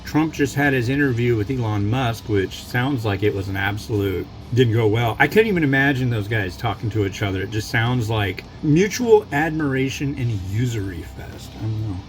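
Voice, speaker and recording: A man with a mid-pitched voice reviews food casually over guitar music. He talks off the cuff as he eats, wandering into wry asides and tangents. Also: expressive, moderate pace, hardly any pauses, poor audio. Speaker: food reviewer and mukbang host. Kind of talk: casual rambling food review while eating.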